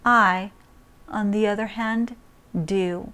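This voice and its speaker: A woman reading aloud and voicing a menacing, rough male cowboy intruder with a coarse, taunting drawl, in a slow, unhurried delivery. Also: mid-range voice, steady tone, bright, forceful tone.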